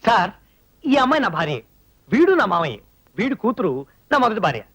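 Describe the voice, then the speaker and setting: A man's voice: sits high, sing-song, a little fast, over loud music. An actor playing a flustered young man who stammers and pleads while covering his lies in a comic film scene. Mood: pleading.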